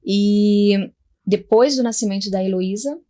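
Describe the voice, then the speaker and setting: A woman's voice: mid-range voice, measured pace, dark tone. Emotional mother telling her story. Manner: emotional, re-enacting dialogue. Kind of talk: podcast storytelling.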